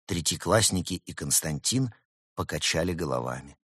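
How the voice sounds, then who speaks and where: A man's voice: deep voice, animated, moderate pace, fairly bright tone, slightly rough, dry recording, studio quality. A man reading a children's storybook aloud, narrating expressively and voicing the characters.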